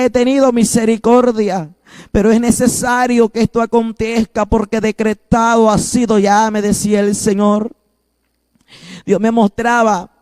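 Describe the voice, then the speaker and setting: A man's voice: extremely high pitch, a little mellow, smooth, no room sound, clean studio sound. A man preaching a fervent prophetic sermon, repeating declarations as he recounts visions.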